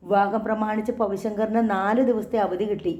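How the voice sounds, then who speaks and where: A woman who reads an audiobook story aloud in a measured, dramatic way. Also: medium pitch, steady tone, darkish tone, echoey room. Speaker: audiobook narrator. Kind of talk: scripted narration. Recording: dull lo-fi audio.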